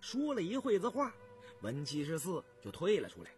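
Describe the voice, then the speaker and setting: Expressive male storyteller. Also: high voice, moderate pace, faint music behind. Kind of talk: dramatic storytelling of a historical novel.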